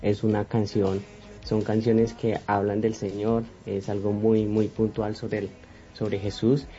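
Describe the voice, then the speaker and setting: Earnest young man, low dark voice. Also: level tone, measured pace, faint music behind. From Colombia. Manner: earnest and reflective. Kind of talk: interview answers. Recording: dull lo-fi recording.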